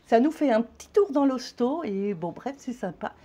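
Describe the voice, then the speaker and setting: A woman's voice: fairly high pitch, expressive, normal speed, mellow. A woman with a French accent chatting casually to camera as a vlogger, rambling and swearing lightly, a little out of breath.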